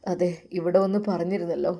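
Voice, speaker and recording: A woman's voice: on the low side, fairly even intonation, fairly quick, gravelly, mellow. A woman voicing a hurt, determined young man in a Malappuram Malayalam accent. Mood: earnest. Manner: earnest and resentful.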